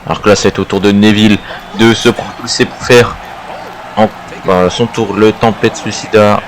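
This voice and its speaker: Low, even-voiced male wrestling commentator. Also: normal speed, slight background noise.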